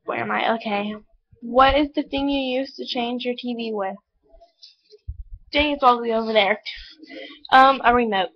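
A woman's voice: fairly high pitch, moderate pace, pauses often. A woman from Oklahoma with an Oklahoma accent, casually reading out a word list for a webcam challenge and correcting herself as she goes. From Oklahoma, USA. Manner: reads words aloud, self-correcting chatter. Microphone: webcam mic. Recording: lo-fi webcam audio.

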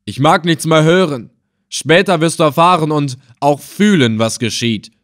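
A man voicing a cruel, scornful male slave trader in an audiobook, threatening and loud. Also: medium pitch, lively intonation, measured pace, close to an everyday voice. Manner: sneering, threatening. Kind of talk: audiobook character voice.

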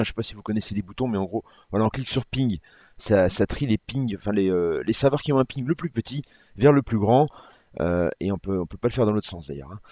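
A man's voice: mid-range voice, darkish tone, no echo, studio quality. A man hosting his gaming channel, talking casually through a game update and often correcting himself as he clicks through menus. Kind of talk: casual gameplay walkthrough commentary.

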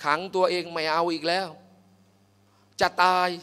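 High-voiced male teacher in a mosque. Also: unhurried, clear, resonant tone. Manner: animated, acts out characters, quizzes listeners. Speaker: Islamic religious teacher. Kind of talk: Quran commentary lesson. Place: mosque hall. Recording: long hall reverb.

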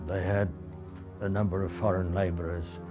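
Low, even-voiced older man over music. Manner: deliberate, factual account. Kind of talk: reminiscing testimony. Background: loud music.

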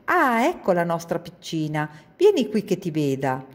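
A woman voicing a kindly elderly grandmother who is cheerful, warm and gently firm, in a storybook read aloud. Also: lowish voice, huge pitch swings, normal speed. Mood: kindly amused. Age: older. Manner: warm, amused, gently commanding.

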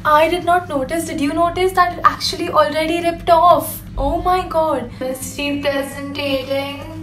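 Brief: young Indian woman vlogger, high voice, expressive haul review, roomy sound. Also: moderate pace. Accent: Indian English. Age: young adult. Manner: chatty and expressive, mixing in Hindi phrases. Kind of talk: casual product haul review. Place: bedroom with striped wall.

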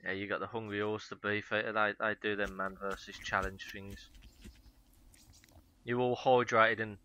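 A man chatting excitedly while gaming, telling stories and laughing. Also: fairly low pitch, normal speed, clean tone. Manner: excitable storyteller, laughs and swears. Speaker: gamer. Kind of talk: casual chat while gaming.

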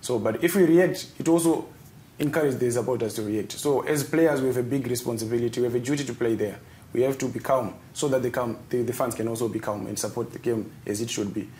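A man's voice: medium pitch, fast, warm tone, slight background noise. A young man from Zimbabwe, a football club captain, answering interview questions earnestly in a TV studio and repeating words as he searches.

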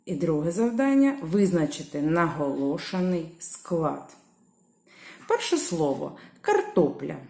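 Slow, lively-voiced woman teacher. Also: low-pitched, gravelly. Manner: calls out words, stretching the stressed syllable. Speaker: primary school teacher. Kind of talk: slow classroom lesson. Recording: echoey room.

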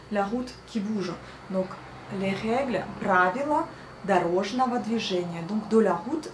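A woman teaching a casual spoken lesson, slowly repeating each word with care while she writes on a small slate. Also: medium pitch, slight background noise. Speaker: Russian language teacher. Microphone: writes on a small slate while talking. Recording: echoey room, faint ambience.

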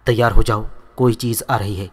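A man voicing a brave young male warrior who gives calm, firm orders to his family. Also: on the low side, slightly rough. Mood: alert. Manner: firm, commanding.

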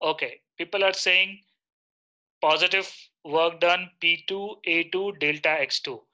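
A man in his thirties with an Indian accent teaches a live online lecture, often checking in with short questions. His voice is on the high side, steady, unhurried, bright and forceful.

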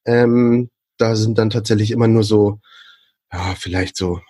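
Young guy from berlin, halting, keeps saying ähm, chatty interview guest. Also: lowish voice, fairly even intonation, warm tone. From Berlin, Germany. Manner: hesitant, many fillers and restarts. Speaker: interview guest, freelance frontend developer. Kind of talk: casual interview chat.

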